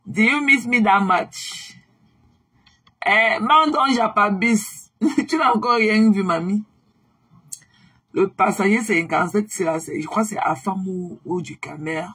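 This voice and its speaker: Tired, husky woman chatting on a live stream. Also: mid-range voice, measured pace, fairly bright tone. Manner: chatty, repetitive, mixes in English phrases. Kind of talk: casual live-stream chat.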